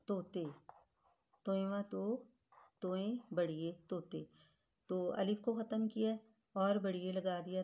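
Female teacher, slow, patient delivery, mellow tone, spells words out for young children. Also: medium pitch. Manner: addresses pupils as children. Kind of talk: grade-school Urdu grammar lesson.

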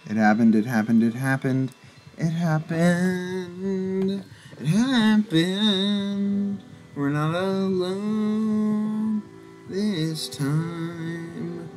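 A young man giving casual, rambling gameplay commentary, full of fillers and sudden excited outbursts. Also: sits high. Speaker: gaming channel host. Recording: faint music behind.

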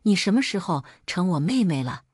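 Brief: woman reading teasing young boyfriend in an audio story, smug and coaxing, low and dry. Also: very animated, a little fast, a little mellow, slightly rough, no room sound. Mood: exasperated.

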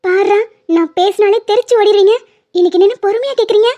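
Lady doing a cheeky young cartoon patient, really high voice, mellow, kinda dull lo-fi sound. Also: quick pace. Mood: teasing. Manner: teasing, playful, chatty. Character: young woman patient, joking bravely before surgery. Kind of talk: cartoon drama dubbing.

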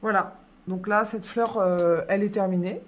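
A woman's voice: mid-range voice, steady tone, normal speed. A woman walks viewers through her coloring in an easy, conversational voice-over. She hesitates often and fills the gaps while she works. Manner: chatty, hesitant, many fillers. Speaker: coloring tutorial host. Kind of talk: casual voice-over tutorial.

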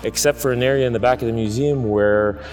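A man in his thirties giving a walking tour of a construction site, halting with many fillers. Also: mid-range voice, darkish tone, soft background music. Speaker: museum facilities director giving a site tour. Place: large indoor construction site.

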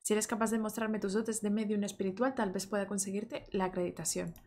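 A woman's voice: medium pitch, steady tone, fairly quick, a little mellow, a little hiss or hum, natural voice. A woman reading out the lines of a friendly male ghost who is an eager paranormal expert in a life-sim game, in her own voice.

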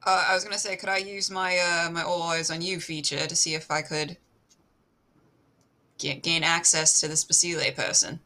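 Low, bright-voiced woman player. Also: flat delivery, normal speed. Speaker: player in tabletop game. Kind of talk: casual chat.

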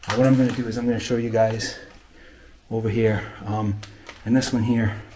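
The host of an urban exploring video speaks in a fairly low, mellow, steady voice at normal speed. He chats with viewers while filming on a handheld phone inside an abandoned mausoleum at night, and the recording is noisy.

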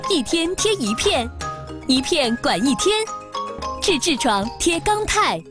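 High, slow, animated female announcer. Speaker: commercial announcer. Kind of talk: scripted advertising voice-over. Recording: jingle music behind the voice.

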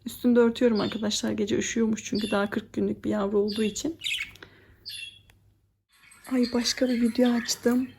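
A woman's voice: a little high, little pitch movement, fairly quick, vocal fry, pauses often, a little mellow, a little hiss or hum. A young woman in a casual home vlog, cooing and baby-talking to her pet budgie between chatty asides to viewers. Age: young adult. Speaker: vlogger. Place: home room at night.

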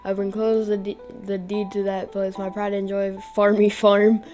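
A young man reading aloud as a gentle, wise old grandfather from a farming game, in a mock old-man voice. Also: sits high, completely flat delivery, moderate pace, faint music behind, natural voice. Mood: earnest.

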